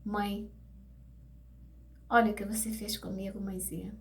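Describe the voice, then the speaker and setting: A woman voicing the gentle spirit of her dead young daughter, speaking tenderly and softly. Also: mid-range voice, flat delivery, a little slow, slight background noise, natural voice.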